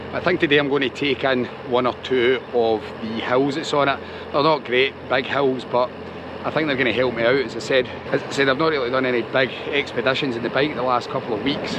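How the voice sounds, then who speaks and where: A man chatting casually through a travel vlog outdoors, self-deprecating and a little out of breath. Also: medium pitch. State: slightly out of breath. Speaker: cycling vlogger. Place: outdoors, on a ferry and cycling roads. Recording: outdoor wind noise on the mic.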